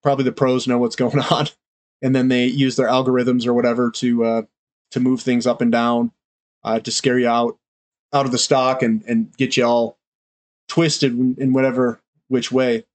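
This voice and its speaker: A man talks through price charts in a loose, rambling way, full of ums and uhs. His voice sounds congested from a cold, and the recording is dry and close. He sits at a middle pitch for a man. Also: flat delivery, moderate pace, dry recording. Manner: loose, rambling, with frequent fillers. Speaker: finance channel host. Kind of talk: casual market commentary.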